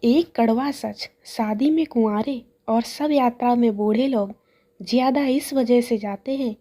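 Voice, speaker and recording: A woman narrating a string of jokes in a steady storytelling way. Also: a little high, unhurried, faint music behind. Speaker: joke narrator. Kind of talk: reading jokes aloud.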